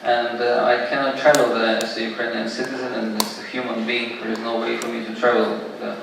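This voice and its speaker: A man moderating a panel and interpreting aloud, with halting restarts. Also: medium pitch, flat delivery, vocal fry, background noise. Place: large exhibition hall, indoors. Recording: distant mic in an echoey hall.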